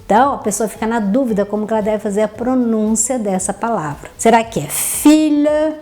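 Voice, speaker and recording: A woman teaching an online French lesson, upbeat, repeating each word slowly and clearly. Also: fairly high pitch, lively intonation, warm tone, faint music behind.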